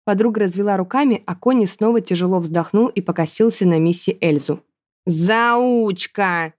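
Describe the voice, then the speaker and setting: A woman narrating a first-person fantasy audiobook in a lively, expressive way. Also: medium pitch, fast.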